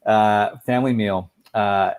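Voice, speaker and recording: A man hosting a casual video-call discussion, talking haltingly with many uhs. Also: on the low side, fairly even intonation, darkish tone, clean tone. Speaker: host.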